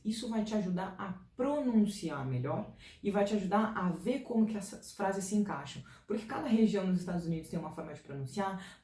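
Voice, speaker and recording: Speaking casually to camera, this Brazilian woman vlogger offers direct, chatty career advice. Her voice runs on the low side, mellow and slightly dark, picked up by a distant mic in a room with a noticeable echo.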